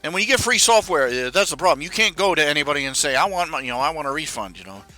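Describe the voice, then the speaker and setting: His voice on the high side, this man in his forties talks very fast and animatedly on a live stream while messing with software. He rambles and grumbles self-deprecatingly, with faint music playing behind him.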